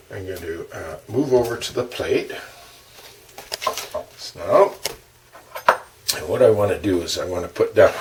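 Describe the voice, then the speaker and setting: Male cooking host, low voice, unhurried chat, heard from across a kitchen with pans clattering. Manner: unhurried, chatty, narrates each step. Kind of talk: casual cooking demonstration. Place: home kitchen. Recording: distant mic with kitchen noise.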